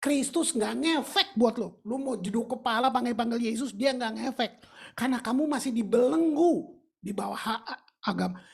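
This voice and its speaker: Gravelly, husky woman preaching. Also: a little high, normal speed, darkish tone. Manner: emphatic, colloquial preaching with English phrases mixed in. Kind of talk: sermon.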